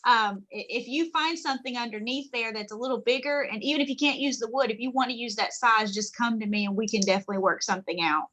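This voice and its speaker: A woman with a Kentucky accent talks through building guidelines at a city board meeting, informal and apologetic. Her voice is bright and fairly high, but strained, as she is losing it from illness. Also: fast talker, hardly any pauses, poor audio. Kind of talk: public meeting discussion.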